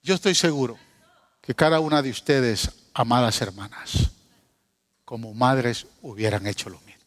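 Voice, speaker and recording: A man preaching a sermon, telling a story and then teaching, swinging from hushed asides to raised cries. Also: mid-range voice, normal speed. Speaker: pastor. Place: church hall. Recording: preached in a hall with long reverb.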